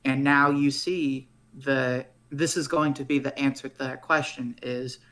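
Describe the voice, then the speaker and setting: A man's voice: mid-range voice, flat delivery, a little slow, a bit bright. Man hosting a casual anime stream. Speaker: stream host. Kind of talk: casual anime theory chat.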